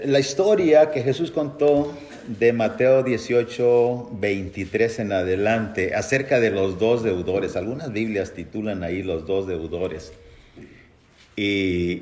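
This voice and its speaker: A man's voice: fairly low pitch, a little mellow. A man teaching a Bible study lesson, asking the class questions and reading scripture aloud. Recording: echoey room.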